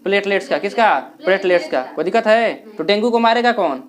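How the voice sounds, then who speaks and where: Fast-talking male teacher quizzing himself. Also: sits high, lively intonation. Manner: asks questions and answers them himself. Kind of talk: classroom lecture.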